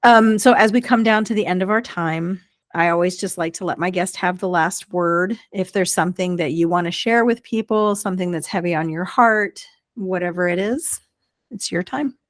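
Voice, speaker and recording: A woman's voice: fairly low pitch, normal speed, no room sound. Female podcast host, dry close sound. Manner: friendly, encouraging questions. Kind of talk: casual interview chat.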